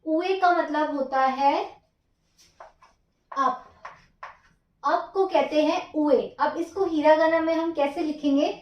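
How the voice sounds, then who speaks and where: A woman walks through a writing lesson stroke by stroke, counting each one aloud and repeating each step patiently. Her voice sits high and unhurried. The recording is dull and echoey, like a small home room. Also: steady tone. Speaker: Japanese teacher.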